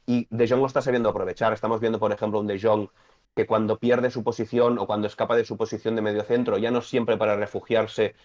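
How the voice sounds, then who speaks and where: A man with a Spanish accent, a football pundit talking in a measured, thoughtful way on a sports talk show. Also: fairly low pitch, flat delivery, darkish tone. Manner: measured, thoughtful, builds points slowly. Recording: dull lo-fi sound.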